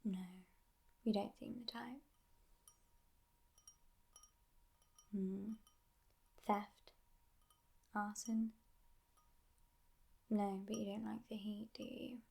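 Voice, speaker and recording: A woman playing a teasing but gentle devil in an ASMR role-play, in a breathy, hushed voice with musing pauses. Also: mid-range voice, level tone, heavily acted. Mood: teasing, probing. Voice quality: breathy, husky soft voice.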